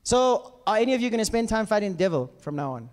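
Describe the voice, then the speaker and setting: A man's voice: high voice, big pitch swings, fast, darkish tone. A man with a South African accent preaching in a conversational way, throwing questions at his listeners and acting out little dialogues. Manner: rhetorical questions and call-outs to listeners; acts out imagined dialogue. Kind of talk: animated conversational sermon. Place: large echoing room with live listeners. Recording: reverberant hall sound.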